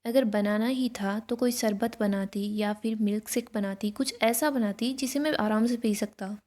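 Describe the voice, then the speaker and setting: A woman's voice: fairly high pitch, fairly even intonation, moderate pace, a little mellow, natural voice. A woman reading as a whiny young man. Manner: whiny, complaining. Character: fussy, complaining young man.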